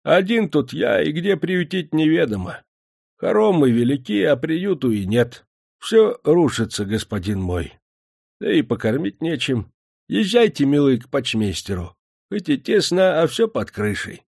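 A man's voice: a little high, big pitch swings, a little slow, gravelly, darkish tone, husky, no room sound, studio quality, pitched above the performer's own voice, exaggerated voice. Man doing a quavering old servant. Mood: lamenting. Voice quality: quavering, toothless mumble. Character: frail old male servant, trembling and mumbling.

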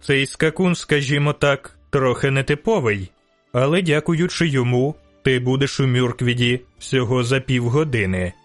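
An ancient elf sage, as a male narrator puts him on, calm and unhurried, doling out cryptic instructions at a mid-range pitch. He sounds measured and sure of himself, a storybook mystic, with faint music underneath. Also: lightly acted. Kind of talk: audiobook character reading.

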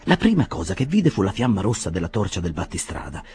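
A man reading a classic novel aloud as an expressive, dramatic narrator. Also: deep voice, quick pace, breathy edge. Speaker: audiobook reader. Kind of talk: audiobook narration.

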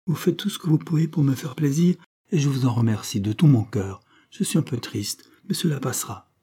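Teen girl, dutiful and tender, soft earnest answers, raised pitch; male reader doing her. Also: brisk, slightly rough, natural voice. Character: dutiful, tender seventeen-year-old girl.

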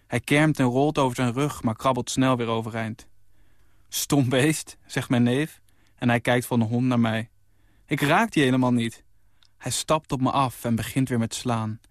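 Young male writer, mid-pitch, calm narrator, dry studio sound. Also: normal speed, no room sound. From Netherlands. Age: 20s. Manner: calm, even storytelling, lifting his voice for the quoted lines. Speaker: short story writer. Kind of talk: reading his own short story.

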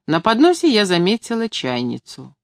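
Calm woman reading a novel aloud. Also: medium pitch, normal speed, dry recording, clean studio sound. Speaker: audiobook reader. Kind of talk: scripted narration.

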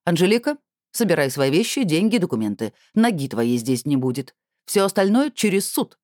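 A woman's voice: on the low side, big pitch swings, moderate pace, a little mellow, dry recording, clean studio sound. A woman doing a haughty freeloading man. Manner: sulky, haughty. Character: pompous freeloading young man, artist.

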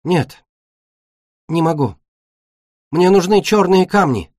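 A man's voice: high voice, big pitch swings, normal speed, darkish tone, no echo, studio quality, voice pushed up. A man voicing an eager, anxious young female dragon in a storybook reading, raised and urgent. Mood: pleading. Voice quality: pleading, urgent.

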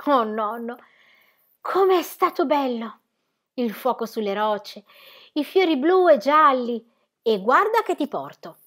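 A woman voicing an eager, curious little girl in a storybook reading, talking excitedly and full of questions. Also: high voice, slow pace, voice pushed up, heavily acted.

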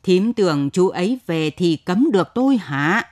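A woman's voice: on the low side, animated, normal speed, a little mellow. A woman voicing a stubborn, proud older village man who gives blunt orders. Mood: commanding. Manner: blunt, commanding.

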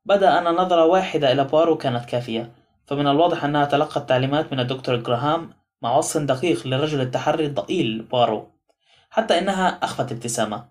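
A man narrating an audiobook novel in a measured storytelling manner. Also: a little high. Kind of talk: scripted narration.

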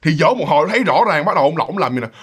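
A man's voice: a little high, lively intonation, very fast, fairly bright tone, breathy edge. A man telling a ghost story in a chatty, casual way, speaking straight to his listeners. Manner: chatty, addresses listeners directly, many fillers.

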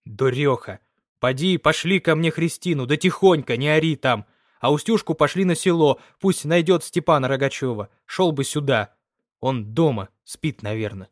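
A man reading the part of a gruff, anxious young peasant in an audiobook. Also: a little high, normal speed, dry recording, clean studio sound, natural voice. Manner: gruff and curt.

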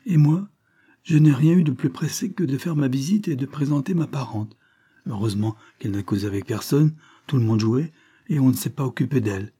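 A man reads aloud as a smooth foreign gentleman playing a naive count, effusive and ingratiating. His pitch is medium and his pace fairly quick, close to an everyday voice.

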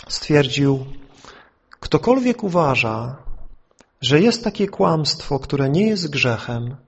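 Husky guy preaching, tells little stories w/ voices, kinda high pitch. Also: dull audio. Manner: storytelling preaching that acts out voices in anecdotes. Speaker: pastor. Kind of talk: sermon.

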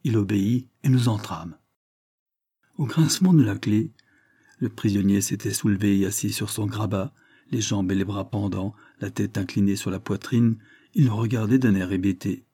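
Man, audiobook narrator, measured, husky, low voice. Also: warm tone. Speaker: audiobook reader. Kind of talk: scripted first-person narration.

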